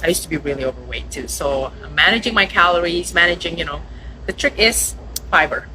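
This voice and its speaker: A woman from Indonesia, a restaurant owner chatting casually in an interview, lively and quick to laugh. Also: fairly low pitch, crowd noise, rough recording. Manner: lively, laughs often, acts out quoted customers.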